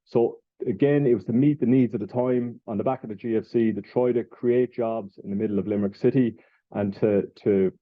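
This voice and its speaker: A man's voice: mid-range voice, steady tone, brisk, dry recording, phone-quality sound. A man in his forties with an Irish accent giving a conference presentation, informal and full of fillers and restarts. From Ireland. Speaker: presenter at an industry event. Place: conference room.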